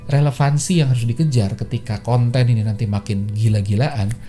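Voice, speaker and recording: A man hosts a solo podcast with a medium-pitched, steady, dark voice, speaking briskly over faint background music. His casual solo explainer talk is chatty and full of fillers, and he acts out quoted voices.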